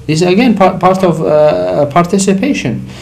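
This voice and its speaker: A man's voice: high voice, moderate pace, gravelly, a little mellow. Iraqi-born man explaining religion on air. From Iraq. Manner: explanatory, rising emphasis on key points. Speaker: sheikh answering questions. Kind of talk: religious call-in discussion. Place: TV studio.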